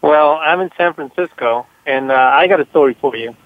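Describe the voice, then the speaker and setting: A man's voice: a little high, moderate pace, dry recording. Eager male caller over a phone line. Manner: enthusiastic storyteller. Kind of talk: casual chat.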